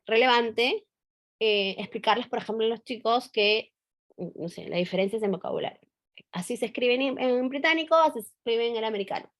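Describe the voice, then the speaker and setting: A woman English teacher, giving a conversational online training talk full of fillers and tag questions. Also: fairly high pitch.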